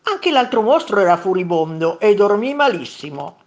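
A woman reading a picture book aloud to children, expressive and unhurried. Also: medium pitch, lo-fi sound. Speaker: storyteller for children.

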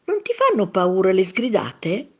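A woman voicing a gentle, lonely old retired man who speaks softly and wryly in a storybook reading. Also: medium pitch, wildly swooping pitch, a little slow, breathy edge, full character voice. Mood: amused.

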